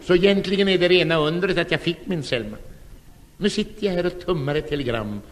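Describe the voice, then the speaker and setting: A man in his fifties delivering a scripted comic monologue. He tells the story in a wry, deadpan way. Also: on the high side, long reverb tail.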